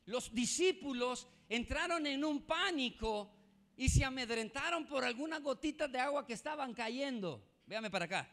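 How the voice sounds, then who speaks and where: A man's voice: extremely high pitch, animated, normal speed, fairly bright tone. A male pastor from El Salvador with a Salvadoran Spanish accent, preaching a sermon in a conversational way, calling his listeners "hermano" and laughing at his own jokes. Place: church.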